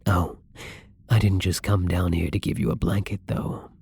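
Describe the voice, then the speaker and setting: In an intimate ASMR roleplay, a man plays a tender male vampire, speaking softly and caringly as if to someone close by. His very husky, breathy voice sits fairly low with a mellow, dark tone, delivered at normal speed in a level tone and an exaggerated voice. The mood is earnest and apologetic, his manner soft-spoken, tender, and breathy.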